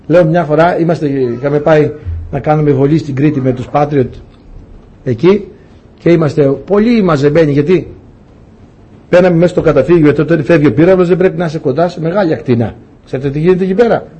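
A man's voice: fairly high pitch, warm tone, slightly rough. A man preaching a sermon in a conversational way, telling anecdotes and acting out the voices of the people he quotes.

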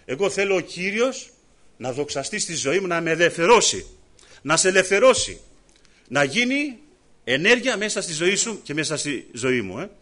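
A man preaching a sermon with passion, full of fillers and repeated phrases, who climbs high on his appeals and drops low when he calls the congregation brothers. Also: sing-song, pushed and bright. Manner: impassioned, rises high in pitch on appeals, drops low on "αδελφοί". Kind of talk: evangelical sermon.

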